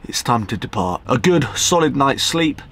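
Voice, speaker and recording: A young man chatting excitedly to camera as a van life vlogger inside his small camper van. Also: mid-range voice, normal speed. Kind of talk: casual vlog narration to camera. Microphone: camera held or set close.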